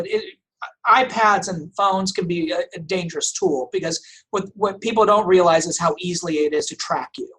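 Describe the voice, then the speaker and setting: A man's voice: high-pitched, fairly bright tone. A middle-aged man from Portugal, a native Portuguese speaker, talking as a family law guest on a podcast. He speaks thoughtfully, often restarting his sentences and using fillers. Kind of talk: conversational podcast interview.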